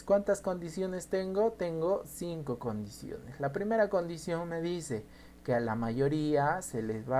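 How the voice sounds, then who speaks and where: A man teaching an English grammar lesson, slowly spelling out and repeating each example. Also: a little high.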